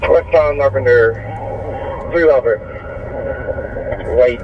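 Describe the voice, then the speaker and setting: A man's voice comes through a two-way police radio in terse, clipped call-outs packed with code numbers. The sound is muffled and narrow, with loud road and engine noise running underneath it. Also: medium pitch, extremely slow. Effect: heard over a police two-way radio. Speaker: police officer on patrol.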